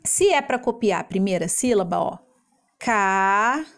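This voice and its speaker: A woman teacher explaining a homework lesson to young children in Brazilian Portuguese, patient and slow, sounding out syllables. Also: medium pitch, lively intonation, vocal fry, a little mellow.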